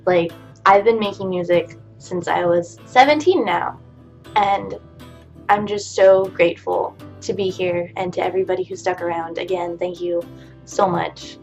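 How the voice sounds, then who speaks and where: A woman's voice: on the low side, steady tone, measured pace, a little mellow. A woman punk musician talking casually in a year-in-review vlog, rambling, earnest and grateful, with lots of fillers. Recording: dull lo-fi sound with faint background music. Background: faint background music.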